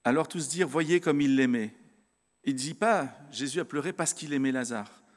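A man's voice: medium pitch, moderate pace, big-room sound. A man preaching a sermon, speaking conversationally and directly to his congregation, earnestly stressing his convictions. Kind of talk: sermon with Bible reading.

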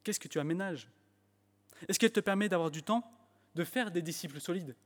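Brisk and high-voiced, a man preaches a French sermon with an English accent inside a church hall with long reverb. At times he is emphatic, and he restarts his phrases with fillers.

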